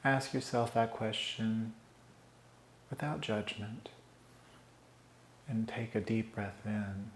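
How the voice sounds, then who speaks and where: A man leading a guided meditation, giving calm, soothing breathing instructions with long pauses. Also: fairly low pitch, a little hiss or hum. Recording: roomy echo.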